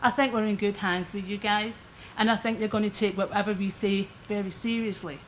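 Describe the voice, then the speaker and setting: An older woman with a Scottish accent speaks at a council meeting microphone. Her manner is chatty and folksy, and her voice sits at a middling pitch. A faint background hiss runs under her words. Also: fairly even intonation, brisk, low-quality recording. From Scotland. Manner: chatty, homely, lightly self-deprecating. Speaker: resident giving public comment. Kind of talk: public comment at a council meeting.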